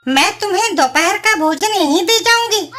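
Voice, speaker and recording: A man voicing a cheerful, practical adult housewife in a cartoon, in a high, sweetly coaxing falsetto. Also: animated, moderate pace, noisy background. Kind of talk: cartoon voice acting.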